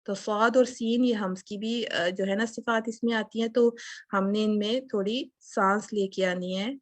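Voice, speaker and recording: A woman gives a tajweed recitation lesson, patient and methodical, stopping to demonstrate each sound. Her voice is at an ordinary middle pitch with fairly even intonation, recorded close and dry with no room sound.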